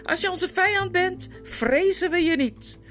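A woman voicing a brave, proud male talking mouse with a shrill, high voice and a pompous, bold way of speaking. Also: unhurried, fairly bright tone, soft background music. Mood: defiant.

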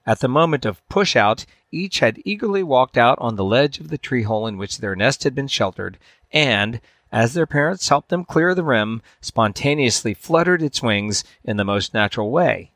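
A man hosting a podcast, reading a fable aloud in a measured storytelling way, with dramatic swings in pitch and loudness. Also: animated, no echo, studio quality. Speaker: podcast host.

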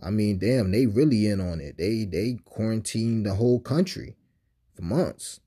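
Husky-voiced sarcastic podcast host. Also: male voice, lowish voice, normal speed. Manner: sarcastic, animated, conversational with slang and frequent "you know what I'm saying". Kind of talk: casual podcast monologue.

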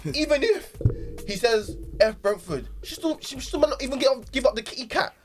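A young man with a London roadman accent in an animated casual debate, insistent, repeating himself and talking over others. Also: very high voice, fairly quick, over music. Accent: London, urban roadman slang. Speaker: podcast panellist.

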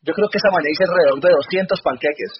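A man's voice: a little high, rapid-fire. A man giving a motivational business speech, telling anecdotes and jokes. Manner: anecdotal, storytelling. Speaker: speaker at a business event. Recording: dull lo-fi recording.

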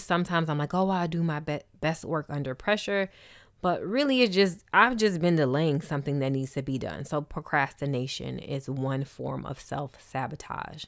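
A woman's voice: extremely low pitch, gravelly, dry recording, clean studio sound. A woman talking candidly and expressively in a casual personal talk, with wry asides, as a host.

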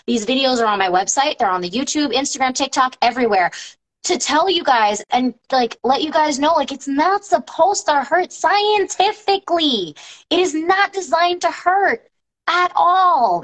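A fairly high-voiced woman in her thirties speaks as a massage therapist to her followers. She talks casually and emphatically, and her voice climbs higher when she gets indignant. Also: poor audio. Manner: emphatic, animated, rising in pitch when indignant. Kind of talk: casual live-stream talk to followers.

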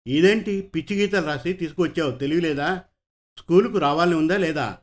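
A man's voice: a little high, normal speed, natural voice. A man reading the lines of a stern female schoolteacher, in a scolding manner.

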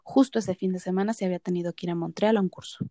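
Mellow-voiced woman telling a story. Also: on the low side, very fast, no room sound, clean studio sound. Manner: animated, acts out quoted dialogue. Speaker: podcast co-host. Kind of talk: casual storytelling chat.

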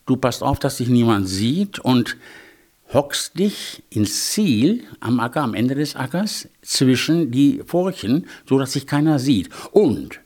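A man's voice: medium pitch, big pitch swings, takes it slowly, a little mellow. A man voicing a polite, cunning male hedgehog in a storybook tale, cheerful and scheming. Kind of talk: storybook character voice.

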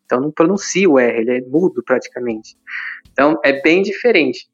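A man with a Brazilian accent, an English teacher, calmly explaining with examples. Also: mid-range voice, a little fast, slightly rough, highs cut off. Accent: Brazilian Portuguese. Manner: calm, explanatory, gives examples. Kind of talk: casual explaining.

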